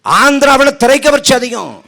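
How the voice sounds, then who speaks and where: A man's voice: very high-pitched, expressive, normal speed, vocal fry, sharp tone. A man giving a fiery political speech at an outdoor protest rally, sarcastic and mocking, firing off rhetorical questions. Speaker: party speaker at a protest rally.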